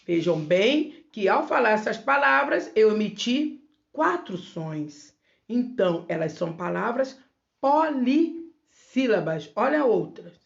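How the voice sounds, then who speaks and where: A Brazilian Portuguese woman teaching young children in a remote lesson, sounding out words slowly syllable by syllable. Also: mid-range voice, very animated, creaky, lo-fi sound. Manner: slow, syllable-by-syllable word demonstrations. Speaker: primary school teacher.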